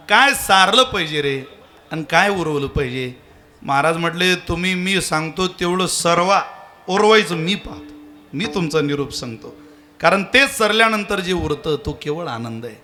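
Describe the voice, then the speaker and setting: A man's voice: a little high, measured pace, soft background music. A man giving a devotional kirtan sermon with a Marathi accent, telling stories and acting out characters' lines for the audience. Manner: storytelling with lively voiced characters and questions to the audience. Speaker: kirtan preacher.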